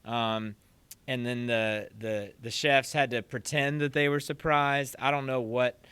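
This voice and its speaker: Bright, animated man telling stories. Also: mid-range voice, a little slow, clean tone, no room sound. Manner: animated, acts out quotes. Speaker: podcast guest, percussion teacher. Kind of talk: casual interview storytelling.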